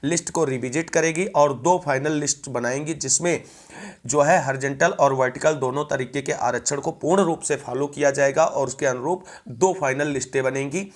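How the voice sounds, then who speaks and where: A man's voice: medium pitch, normal speed. Male news presenter, mid-range voice, formal wording and long running sentences. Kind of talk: news update narration.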